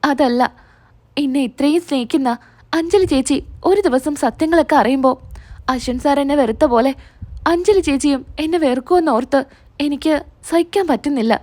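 A woman reading the lines of a gentle, caring young woman who softly pleads with her sister-in-law, in a high voice close to her own. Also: brisk, natural voice. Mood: tearful.

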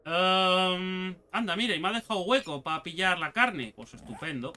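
A young man with a Spain Spanish accent giving excitable let's play commentary, talking to himself and the game and swearing casually. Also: high voice, normal speed, slight background noise. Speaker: gaming channel host.

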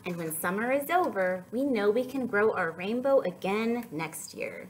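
At normal speed and mid pitch, a young woman leads a kids' story session, mixing reading with animated, singsong chatter and questions for the children. The recording is rough, with some light background noise.

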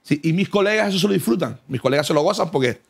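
A comic man spins mock-humble brag stories in a gravelly, fairly high voice. His pitch leaps and swoops as he talks, and he keeps breaking into laughter. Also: lively intonation, rapid-fire. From Canary Islands. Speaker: comedian guest. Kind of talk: comic storytelling in casual chat. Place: car.

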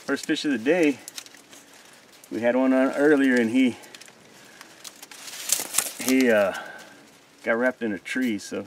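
A man in his thirties hosting an outdoor fishing vlog from a small boat, talking to viewers as guys with excited exclamations and laughs. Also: mid-range voice, a little hiss or hum. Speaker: fishing channel host. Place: small boat on a muddy river among reeds, outdoors.

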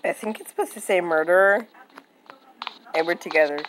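Woman with a lowish voice gaming. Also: brisk, a bit bright, a little hiss or hum, rough recording. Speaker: gamer. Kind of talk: casual gaming chat.

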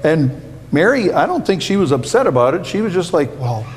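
A man's voice: sits high, very animated, brisk. A man pastor giving a children's sermon, playful and full of questions for the kids. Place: church sanctuary. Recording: echoey church hall, faint hum.

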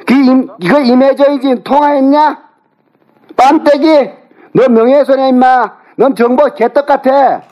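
A middle-aged man on a phone call, angrily yelling, cursing and berating the other person. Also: very high voice, unhurried. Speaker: older brother on a phone call. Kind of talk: heated phone argument. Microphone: phone call recording.

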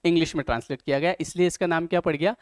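A man gives an exam-prep lecture, explaining step by step, asking questions and answering them himself, and reading English passages slowly. His voice is a little high with fairly even intonation, and the recording is dry and of studio quality.

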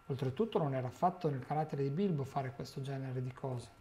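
A man's voice: medium pitch, fairly quick, dark tone, slight background noise, close to an everyday voice. A man reading as a young male hobbit who asks bewildered, worried questions. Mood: puzzled.

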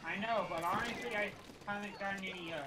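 Calm high-voiced guy chatting games. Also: quick pace, a crowd in the background. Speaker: co-player. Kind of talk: casual gameplay chat.

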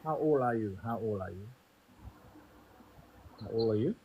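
A man in his twenties playing a young man who claims to be Korean, in a comedy sketch, babbling halting, garbled broken English with many repeated words. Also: on the low side, expressive, phone-quality sound. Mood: persistent. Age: 20s.

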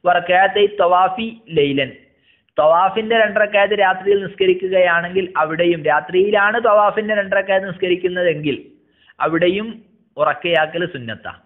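A man's voice: high-pitched, normal speed. A man teaching a religious lesson, reading out a text phrase by phrase and explaining each part. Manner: reads a phrase aloud, then explains it in steady teacherly tones. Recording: tinny phone-like sound.

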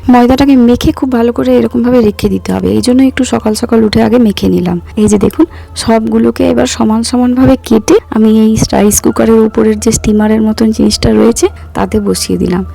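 Hoarse, gravelly woman vlogger. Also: on the high side, warm tone. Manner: chatty, walks viewers through each step. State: hoarse from a cough. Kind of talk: casual vlog narration.

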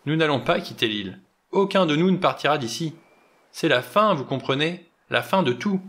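A man doing a loud, fatalistic old general. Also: fairly high pitch, animated, moderate pace, voice pushed up. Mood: fatalistic, raised. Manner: loud, then grave and strange. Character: gruff elderly male general, brooding and fatalistic.

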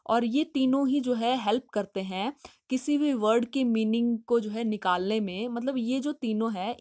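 A woman explaining a study topic in a patient, step-by-step way, reading English lines slowly before explaining them. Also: on the high side, darkish tone, dry recording, studio quality. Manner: explanatory, patient, with frequent filler phrases. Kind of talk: study lesson in Hindi mixed with English.

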